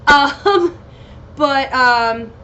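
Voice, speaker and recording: American woman, bright forceful tone, giggly scattered solo podcast rambling, casual swearing, slightly loopy, noticeably noisy home recording. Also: sits high, drawn-out words, dull audio. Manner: giggly, scattered, easily losing her train of thought.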